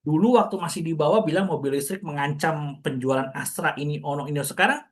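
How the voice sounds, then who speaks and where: Brisk, chatty market commentator man. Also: a little high. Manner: chatty, explaining with rhetorical questions. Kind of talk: casual market talk to an audience.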